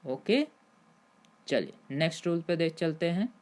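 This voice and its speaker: A woman's voice: sits low, animated, darkish tone. A woman teaching English pronunciation in Hindi, spelling words out letter by letter before saying each one and repeating the rules for her viewers. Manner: spells out letters slowly, then says each word. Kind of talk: Hindi-language spelling lesson.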